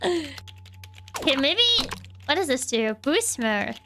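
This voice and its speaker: A woman's voice: sits high, expressive, slow pace. A woman streaming a game, casually and playfully thinking aloud and talking to the game as she plays. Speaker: gaming streamer. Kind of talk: casual commentary while playing a game.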